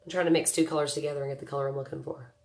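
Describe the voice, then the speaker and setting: Doing her makeup on a live tutorial from a small room in her home, a woman in her thirties chats and jokes with viewers, greeting each by name. Her cold gives her deep voice a nasal quality, and she speaks rapid-fire in a steady, slightly mellow tone.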